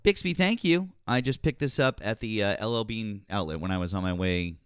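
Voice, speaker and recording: A man with a lowish voice hosts a live stream in loose, casual chat. He often stumbles and repeats himself as he searches for words. The sound is dry and close, with no room around it. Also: animated, a little fast, clean tone, no room sound. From northeastern United States.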